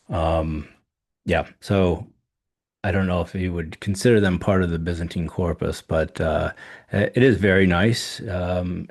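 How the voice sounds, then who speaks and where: A man with a very deep, low voice talks through his thoughts in an unhurried, halting way, full of ums and restarts. His voice is going hoarse as he goes. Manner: halting, many ums and restarts, thinking aloud. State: losing his voice. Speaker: podcast host reviewing coin auctions. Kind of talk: casual solo commentary.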